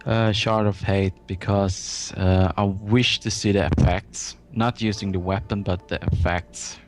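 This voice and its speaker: Low-voiced male guest, eager and halting, faint music behind. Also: fairly even intonation. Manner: eager, halting, frequent uhs and self-corrections. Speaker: podcast guest. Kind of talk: casual gaming podcast chat.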